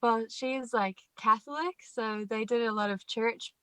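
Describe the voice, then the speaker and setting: A woman's voice: a little high, measured pace, clean tone, no room sound, low-quality recording. A female guest musician with a mixed Scottish and New Zealand accent chatting casually, easygoing with many fillers. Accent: mix of Scottish and New Zealand. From Scotland, raised in New Zealand. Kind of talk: casual chat.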